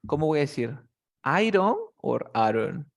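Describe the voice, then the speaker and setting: Fairly high and creaky, this man's voice swings widely in pitch at a measured pace. On a video call with one English student, he patiently dissects each rule step by step, checking constantly with questions like "¿cierto?".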